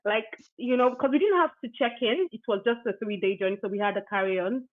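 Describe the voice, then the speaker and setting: A woman's voice: on the high side, brisk. A woman hosting a podcast, chatting casually and telling stories with laughs. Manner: chatty, warm storytelling with laughs. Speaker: podcast host. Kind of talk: casual chat. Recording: tinny phone-like line.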